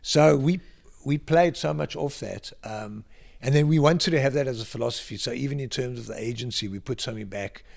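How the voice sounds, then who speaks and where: This is a middle-aged South African man sitting in a library for an interview. His voice carries a gravelly, creaky texture at a middling pitch. He speaks with a South African accent, trips over his openings and then lands points with bursts of emphasis. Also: a little mellow. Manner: halting, restarts phrases, bursts of emphasis. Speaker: guest, creative director. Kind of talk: casual interview chat.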